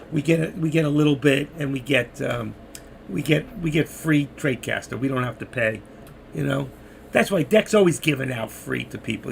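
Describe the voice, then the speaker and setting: On a trading live stream, a middle-aged moderator rambles chattily to his viewers as his voice gives out. The voice sits on the high side, creaky and a bit bright, with a little hiss or hum in the background.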